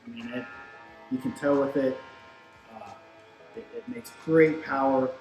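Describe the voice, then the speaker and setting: A man's voice: medium pitch, unhurried, a little mellow. Man talking shop in an echoey room. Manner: conversational, explanatory. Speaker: turbo shop product expert and presenter. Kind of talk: casual technical shop talk. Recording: roomy echo, music, machinery behind. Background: shop machines running in the background.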